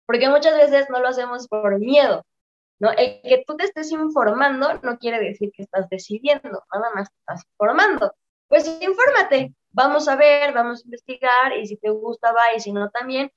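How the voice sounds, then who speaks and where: A woman speaks as an expert guest, calm and explanatory, giving direct advice. Her voice sits fairly high. The sound is dull and lo-fi. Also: normal speed. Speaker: guest expert on anxiety and depression. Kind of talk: conversational advice in an interview.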